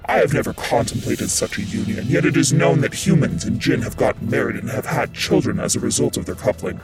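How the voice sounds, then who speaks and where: An actor voicing a proud, lonely, ancient male genie in a hollow, gravelly voice, speaking slowly and with command. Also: mid-range voice, animated, close to an everyday voice. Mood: solemn. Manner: slow, stately, commanding speech. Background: loud music.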